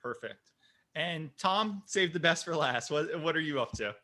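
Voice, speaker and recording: A man hosts a podcast in an upbeat, chatty way, his voice somewhat high and bright. He often doubles his words as he sets up questions for his guests. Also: expressive, normal speed. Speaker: podcast host. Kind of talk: casual interview talk.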